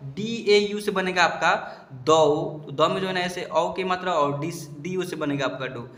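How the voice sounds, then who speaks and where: A man teaching students to read English spellings, spelling each word out slowly and asking if they understood. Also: sits high, a bit bright. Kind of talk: explaining a lesson to students. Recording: echoey room.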